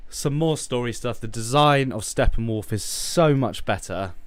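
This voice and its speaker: A man's voice: mid-range voice, normal speed, no room sound. A hungover man from the UK, streaming casual film commentary, blunt and profane as he rambles through his rankings. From United Kingdom.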